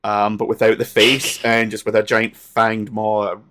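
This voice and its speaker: A man co-hosting a casual film discussion podcast, pausing often with "um" and "uh" and laughing often. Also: fairly low pitch, monotone, a bit bright. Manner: halting, with frequent "um" and "uh". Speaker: podcast co-host.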